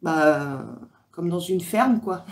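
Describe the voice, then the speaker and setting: Reading comments on her livestream, a woman from France rambles through a casual chat full of filler words. She speaks very slowly in a mellow, fairly low voice whose pitch swings widely.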